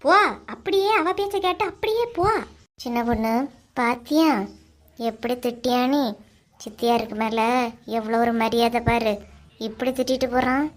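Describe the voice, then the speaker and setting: Woman doing a scolding village aunt, Kanyakumari accent, high voice, blaming everyone. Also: normal speed, pauses often, close to an everyday voice. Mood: complaining. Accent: Kanyakumari Tamil. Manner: scolding, complaining. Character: sharp-tongued middle-aged aunt, quick to blame. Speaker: comedy skit actor. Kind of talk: acted village family drama.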